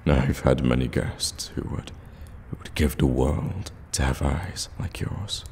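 For an ASMR roleplay, a man plays a suave evil warlock, his extremely low, gravel-laden voice speaking slowly and intimately straight to the listener. Courteous yet teasing, silky and reassuring, he flatters softly in a measured way, as if coaxing a customer into a deal. Long cavernous reverb and ambient background noise surround him.

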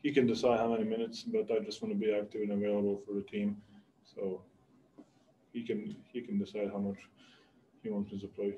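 A young man answers reporters after a game, unhurried and low-key, often pausing to find the right word. His voice stays level and mellow. The audio is a little dull and lo-fi. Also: slight background noise. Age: young adult. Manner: calm, low-key, searching for words. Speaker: basketball player. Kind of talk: postgame press conference answers. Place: press room before a sponsor backdrop.

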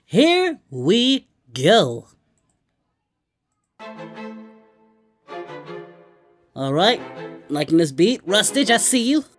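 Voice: medium pitch, sing-song, takes it slowly. A performer voicing Goku as an upbeat cartoon hero who gives casual, approving reaction commentary and often stumbles over repeated words. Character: Goku, cheerful cartoon martial-arts hero reacting to music. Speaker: reaction video host. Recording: music playing behind.

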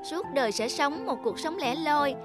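A dutiful young village girl in a children's cartoon voiced by a woman, high-pitched and polite. She sounds earnest and a little anxious. Bright kids' music plays behind her. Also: animated, normal speed. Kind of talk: cartoon voice acting.

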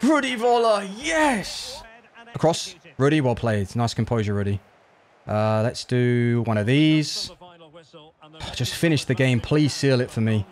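Excitable man commenting on his gameplay. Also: medium pitch, measured pace. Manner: excitable, jumps from groans to yelps. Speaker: gaming YouTuber.

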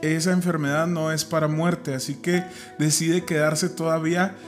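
A man with a somewhat high voice talks through a Bible story in a relaxed way. He stumbles and repeats words as he thinks aloud. A faint guitar plays under him. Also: moderate pace. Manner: retells scripture with many fillers and restarts. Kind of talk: casual Bible discussion.

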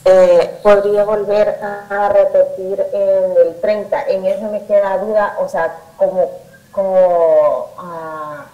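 A woman's voice: mid-range voice, fairly even intonation, slow, roomy sound, muffled recording. A woman student in an online English class, asking hesitant questions about pronunciation. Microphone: video call.

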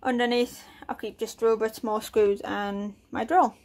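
On the high side and a little slow, a British woodworking vlogger gives a casual look around her small shed workshop. She's filming on a handheld phone, relaxed as she lists the tools, and uses fillers often.

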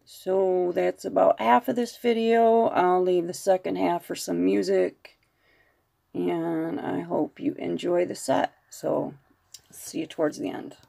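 A woman's voice: on the low side, steady tone, slow pace, vocal fry, mellow. A woman nail art vlogger who is losing her voice, talking frankly and rambling with opinions and some mild swearing. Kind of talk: casual talk to camera.

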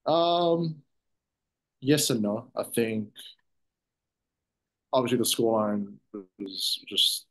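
Speaking over a video call from a press room in front of a sponsor backdrop, a soccer defender in his thirties answers postgame questions. His medium-pitched voice is animated and fairly bright, though the audio is poor, and he keeps halting, restarting sentences and using fillers.

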